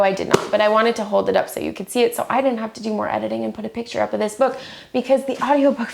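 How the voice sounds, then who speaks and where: A woman in her thirties with a fairly high, creaky voice gushes enthusiastically about books she's read in a casual book review chat. She's a book vlogger who is still recovering from the flu.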